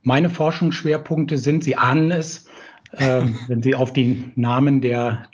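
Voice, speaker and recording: A man's voice: mid-range voice, little pitch movement, measured pace, lo-fi sound. A middle-aged man, a professor, introducing himself courteously as a guest over a remote line. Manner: courteous, explanatory. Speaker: professor and institute director, guest. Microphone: remote connection.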